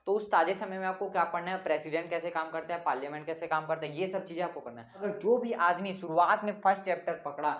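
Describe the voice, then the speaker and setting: A young man, a tutor laying out an exam study plan in a casual lesson. He talks bluntly and teasingly, asking rhetorical questions and repeating the answers. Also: high voice.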